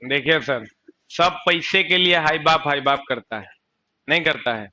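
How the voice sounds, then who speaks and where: A man's voice: fairly high pitch, a little slow, pushed and bright, muffled recording. A young man teaching a coaching class, chatty, often asking his students rhetorical questions and slipping into local dialect. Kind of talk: live online exam-coaching lecture.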